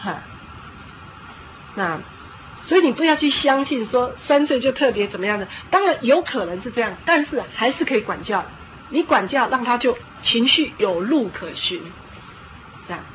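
A woman preacher giving a sermon, telling stories in an animated way and often pausing on a filler word. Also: a little high. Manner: animated storytelling with frequent filler "hao". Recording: dull lo-fi with faint noise.

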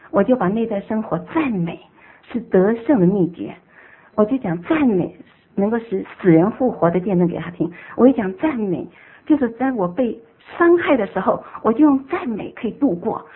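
A woman telling the story of her faith testimony to a church group, animated and emotional. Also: medium pitch, normal speed, a little hiss or hum. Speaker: church member giving a testimony. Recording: tinny phone-like sound.

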